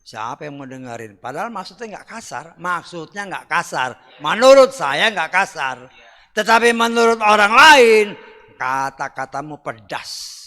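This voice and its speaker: A middle-aged man preaching a sermon in a blunt, rough-spoken way, with loud emphatic bursts and quiet asides. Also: high voice, very animated, unhurried. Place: church hall. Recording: church hall reverb.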